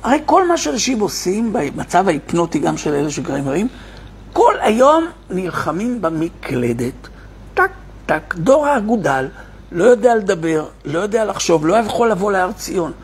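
A man, a rabbi, giving an impassioned online sermon to his viewers, firing rhetorical questions and swinging from loud cries to a near hush. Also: high voice, big pitch swings, husky. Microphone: streaming to online viewers.

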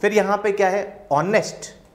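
A man's voice: a little high, animated, measured pace. A young Indian man teaching English grammar in an online class, patient and reassuring, asking questions and then answering them himself.

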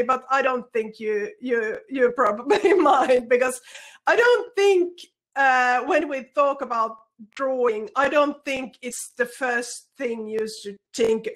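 Middle-aged Finnish woman, high-pitched, leisurely webinar art tutor, many fillers and restarts. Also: fairly bright tone. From Finland. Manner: chatty, hesitant, frequent restarts and fillers. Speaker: art teacher. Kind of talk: webinar teaching. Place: home art studio, indoors.

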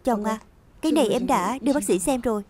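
A woman giving a single-voice dub reading of a drama, reading every role in an even, plain way. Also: fairly high pitch, fast talker, a crowd in the background. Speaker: voice-over dubbing narrator. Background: drama soundtrack music.

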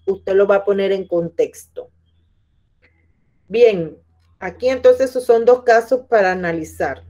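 A woman's voice: fairly high pitch, darkish tone. A woman teacher giving patient class instructions, repeating each point and speaking to her students by name. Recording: dull lo-fi audio.

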